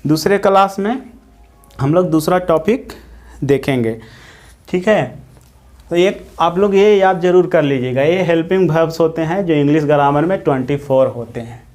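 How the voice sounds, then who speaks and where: A man teaching a grammar lesson, explaining slowly and repeating examples, often checking in with "theek hai". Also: fairly high pitch, darkish tone.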